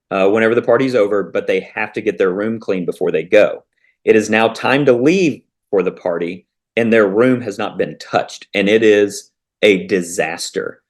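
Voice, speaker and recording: A man teaching parents in a relaxed, chatty way, with frequent pauses and rhetorical questions. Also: fairly low pitch. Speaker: parenting educator. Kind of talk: conversational teaching talk to parents.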